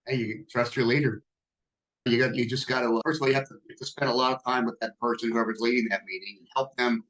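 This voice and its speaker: A man in his sixties, a business owner speaking as a podcast guest in a relaxed, self-deprecating conversational way. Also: medium pitch, quick pace, poor audio. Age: 60s. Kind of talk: podcast interview.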